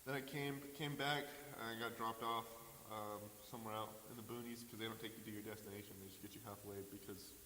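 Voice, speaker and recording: A playful man co-hosting a podcast, his voice bright and forward. He tells joking stories and puns freely. The recording is roomy, with a long echo and a faint hiss. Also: on the low side, fairly even intonation, fairly quick, hardly any pauses. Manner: playful, jokey storyteller. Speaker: podcast co-host. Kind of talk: casual podcast chat. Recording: roomy, reverberant, hissy audio.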